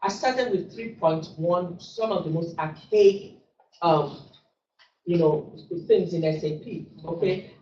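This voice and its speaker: Speaking slowly in a mellow, fairly low voice, a middle-aged instructor with a Nigerian English accent lectures a class in a conversational way, repeatedly checking in with "okay." The classroom recording sounds distant, roomy, and dull.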